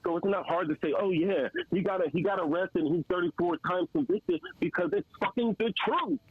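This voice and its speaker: Husky, combative man on a dull lo-fi line. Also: high-pitched, fairly quick, no echo. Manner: profane, combative, sarcastic. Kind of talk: heated political debate.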